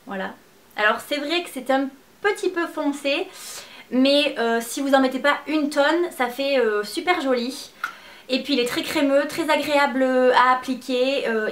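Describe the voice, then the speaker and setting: A woman's voice: fairly high pitch, fairly bright tone. Chatty young woman vlogger. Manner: chatty, hesitant, many fillers and repeated words. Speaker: beauty vlogger. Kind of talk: casual product haul chat.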